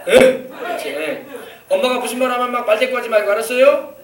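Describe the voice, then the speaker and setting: A man pastor giving an animated children's sermon, coaxing the kids with questions. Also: very high-pitched, brisk. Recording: echoey church from far off.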